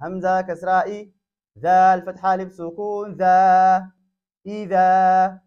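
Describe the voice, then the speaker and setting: A man with a high voice leads a Quran reading lesson, spelling letter by letter before blending syllables into words. He moves at an unhurried, careful pace. The recording is dull and lo-fi. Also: flat delivery. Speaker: Quran teacher.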